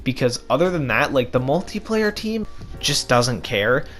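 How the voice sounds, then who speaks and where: Over soft background music, a young man delivers casual gaming commentary in a scratchy, hoarse voice. He rants with frustration and repeats himself, speaking at normal speed and a middling pitch with big swings up and down.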